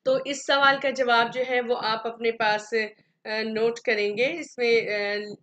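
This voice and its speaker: Bright-voiced woman teaching Urdu grammar. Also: fairly high pitch, little pitch movement, takes it slowly, lo-fi sound. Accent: Pakistani Urdu. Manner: methodical, lists example words one by one. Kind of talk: classroom lecture.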